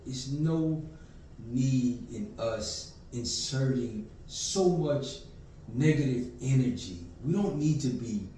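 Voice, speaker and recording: A man's voice: medium pitch, slow. Reflective man in his fifties, echoey room. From Louisiana. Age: 50s. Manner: calm, reflective, many "you know"s. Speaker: guest. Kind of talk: casual interview. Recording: echoey room, distant mic, faint noise.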